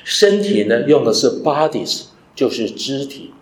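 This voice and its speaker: A man's voice: medium pitch, big pitch swings, unhurried. A man preaching a sermon, teaching and asking his listeners rhetorical questions, mixing English phrases into his talk. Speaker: pastor. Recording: echoey room.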